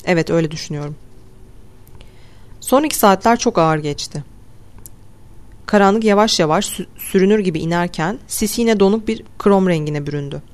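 A steady first-person audiobook narration of a suspenseful novel. The reader keeps an even, measured storytelling delivery, letting the tension come from the text rather than from big vocal swings. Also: medium pitch. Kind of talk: scripted narration.

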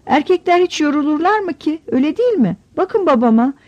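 Woman voicing a boastful small boy, high childlike voice, mellow tone. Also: sing-song, brisk. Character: boastful little village boy. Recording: dull lo-fi audiobook recording.

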